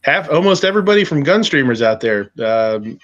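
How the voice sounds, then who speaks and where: A man's voice: on the high side, big pitch swings, fairly quick, a bit bright, dull audio. A man co-hosting a casual livestream chat, laughing easily and rambling as he reads out comments. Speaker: livestream co-host reading chat.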